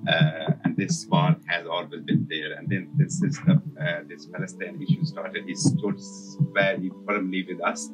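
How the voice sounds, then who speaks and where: A man answering interview questions about a friend in an earnest, slightly halting way. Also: low-pitched, little pitch movement. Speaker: councillor and friend. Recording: dull lo-fi sound with music.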